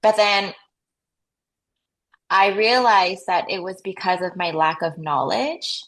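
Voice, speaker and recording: A woman in her thirties, raised in the United States, chats casually as an interview guest about her job as a real estate agent, often saying "like" and laughing lightly. Her voice is medium in pitch and fairly bright, and she speaks slowly.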